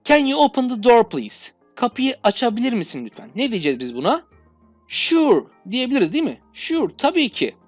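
A woman with a Turkish accent teaching English requests, reading each English phrase slowly and clearly before explaining it. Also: fairly high pitch, sing-song, dry recording, faint music behind.

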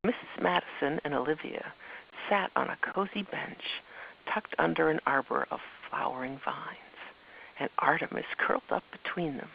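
A woman narrating a children's storybook in a hushed voice that often drops to a whisper, on a muffled recording with faint hiss. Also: deep voice, moderate pace, creaky, husky. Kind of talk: storybook reading.

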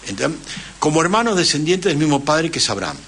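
A man's voice: on the high side, very animated, fast, a bit bright, slight background noise. A man with an Argentine accent, hosting a radio talk show and lecturing at length, often checking in with his listeners. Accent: Argentine Spanish. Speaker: radio host.

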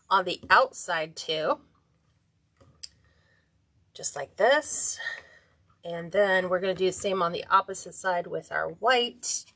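A woman's voice: medium pitch, a bit bright. A woman hosting a live-streamed wreath-making tutorial, chatting casually and greeting viewers by name as she works. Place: indoor craft table, overhead camera.

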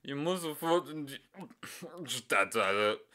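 Man doing a loud, drunken, bragging singer for an audiobook; bright, shouty and sloppy. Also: medium pitch, animated, slow pace, voice pushed up. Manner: blustering, shouting, slurred and sloppy. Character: drunken boastful male minstrel, loud and pompous. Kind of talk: audiobook character voice.

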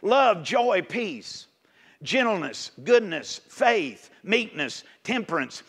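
A male preacher delivers a folksy sermon. His voice sits high and rings bright and forceful, and he swings into emphatic exhortation. He is speaking in a church sanctuary with hardly anyone in the pews. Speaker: pastor. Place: church sanctuary, nearly empty.

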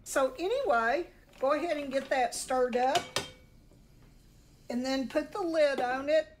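Southern lady doing a homey cooking tutorial, high voice, chatty, bit of kitchen noise behind her. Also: a little slow. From southern United States. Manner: folksy, chatty instruction. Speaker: home cook presenting recipes. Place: home kitchen, indoors. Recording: home video with faint kitchen noise.

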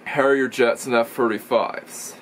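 With an unhurried, fairly even, medium-pitched voice that's a bit bright, a young racing video reviewer chats to camera. His casual vlog commentary wanders, and he corrects himself along the way. A camera or webcam before him records it in a small room lined with toy shelves, with a little hiss or hum.

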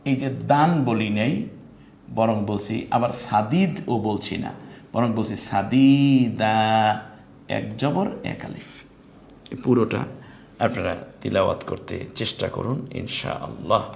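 A man with a Bangladeshi Bengali accent teaches Quran recitation in a live online class. He explains step by step and stretches out example words slowly. His voice sits at an ordinary pitch, heard in an echoey room with faint background noise. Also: creaky.

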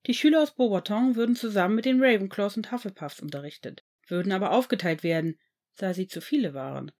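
A woman narrating a fan-made audiobook. She reads in an even, steady way at a mid pitch. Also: fast. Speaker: audiobook reader. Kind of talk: storybook narration.

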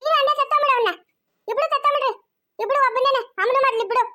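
A woman's voice: very high voice, lively intonation, a little fast, exaggerated voice. A woman playing an enraged older woman who hurls insults in a rural in an amateur family drama. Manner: shouting insults.

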